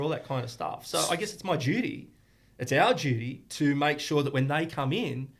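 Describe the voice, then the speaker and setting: A man, a martial arts academy owner and guest on a podcast, speaking earnestly in long flowing explanations. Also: medium pitch. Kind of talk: casual podcast interview.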